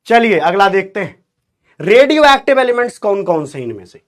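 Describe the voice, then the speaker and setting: High-voiced, lively chemistry teacher. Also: male voice, normal speed. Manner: animated, teasing, quizzes students. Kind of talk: online class lecture.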